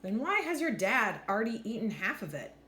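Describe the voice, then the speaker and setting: A woman's voice: on the high side, very animated, a little fast, pushed and bright. A woman voicing a friendly young neighbor boy in a storybook, eager and plain-spoken. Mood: puzzled. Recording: echoey room with faint background noise.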